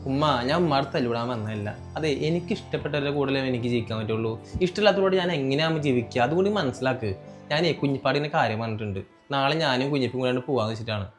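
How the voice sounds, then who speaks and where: A defiant grown son played by a man in a family short film. He talks fast and firmly at a mid pitch. Faint music plays behind him. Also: close to an everyday voice. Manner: firm, defiant. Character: defiant grown son set on a second marriage. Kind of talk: home-made family drama acting.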